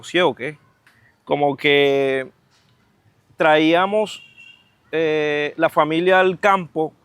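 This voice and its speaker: A man with a Colombian Caribbean accent speaks in a fairly high voice with very little room sound. He hosts in a relaxed conversational style, agreeing and expanding on the other person's points. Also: dry recording. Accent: Colombian Caribbean, from Cartagena. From Cartagena, Colombia. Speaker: podcast host. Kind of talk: casual conversational interviewing.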